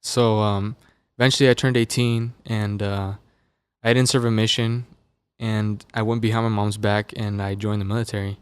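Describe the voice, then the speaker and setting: Young guy from vegas on a podcast, lowish flat voice, super dry studio mic, chill and rambly. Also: normal speed, smooth, dry recording. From Las Vegas, USA. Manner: relaxed, loose, filler-heavy storytelling. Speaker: musician guest. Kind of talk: casual interview chat. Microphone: dynamic studio mic.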